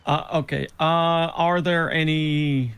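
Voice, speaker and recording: A man's voice: a little high, fairly even intonation, slow pace, fairly bright tone, clear, resonant tone. A man presiding as judge in a game role-play, playful and self-mocking as he reads out charges.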